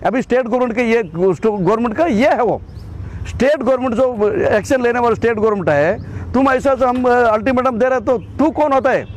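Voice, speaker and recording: An extremely high-pitched, brisk male voice with a little hiss or hum in the recording. He speaks Hindi with a Karnataka accent, and as a political activist and state president of an organisation he makes a combative, impassioned statement, frequently repeating himself.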